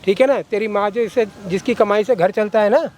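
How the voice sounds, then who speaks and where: A man's voice: sits high, fairly quick, darkish tone, slight background noise, close to an everyday voice. A man playing a corrupt, coercive lawyer who talks down to a girl in a coaxing, threatening way. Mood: condescending. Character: corrupt scheming male lawyer, menacing and coercive. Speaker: villain in a short film.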